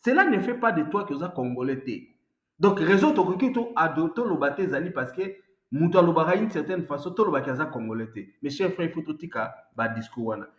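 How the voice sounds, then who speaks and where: A man's voice: a little high, lively intonation, quick pace, reverberant, lo-fi sound. A man hosting online news commentary, talking in a rambling, conversational way. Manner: rambling, code-switching commentary. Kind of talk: casual commentary.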